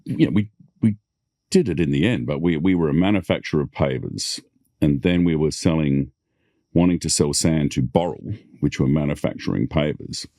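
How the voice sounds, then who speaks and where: A man's voice: very deep voice, moderate pace, no room sound, clean studio sound. A businessman as a podcast guest, talking about work in an easygoing way. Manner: easygoing, relaxed, many fillers. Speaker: guest, family business executive. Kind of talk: casual interview chat.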